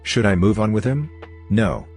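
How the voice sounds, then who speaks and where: A man voicing a wistful, guarded young woman in a storybook reading, in a flat, low-key way. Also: moderate pace, faint music behind.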